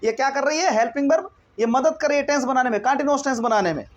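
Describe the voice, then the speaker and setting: Man, English teacher, step-by-step grammar explanation, rhetorical questions, slow example sentences. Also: very high-pitched, animated, lo-fi sound. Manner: explains step by step, keeps asking rhetorical questions and saying "theek hai"; reads English example sentences slowly, then translates them. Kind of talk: spoken grammar lesson.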